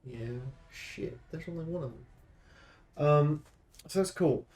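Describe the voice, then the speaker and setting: With a voice on the high side and an unhurried delivery, a man reviews video games in a casual, improvised way. He gets animated and opinionated, wandering off on tangents in casual slang.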